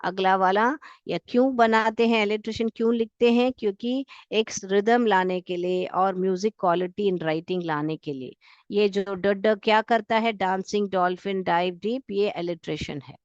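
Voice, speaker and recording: A woman's voice: medium pitch, smooth, dry recording, dull audio. Indian woman teaching English alliteration. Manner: reads example sentences slowly, sounding out each letter; addresses students as beta, asks and answers her own questions. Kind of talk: classroom lesson explaining alliteration.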